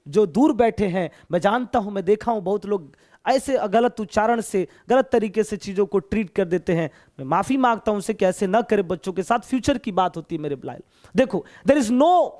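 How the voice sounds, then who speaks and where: Speaking Hindi with a Bihari accent, a very high-voiced man from Bihar, India, runs a live online English class. His tone is darkish, and he's talkative and playful, cracking jokes to get his students to respond.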